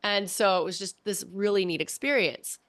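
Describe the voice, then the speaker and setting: Woman in her forties, lively storyteller, podcast guest, close dry mic. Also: mid-range voice, normal speed, dry recording. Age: 40s. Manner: animated, acts out her own past voice in quotes. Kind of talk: casual storytelling interview.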